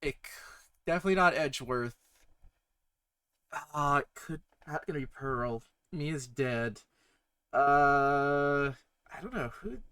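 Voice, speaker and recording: A streamer chatting casually while playing a game, rambling and trailing off softly. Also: medium pitch, expressive, slow, pauses often, clean tone, dry recording, studio quality.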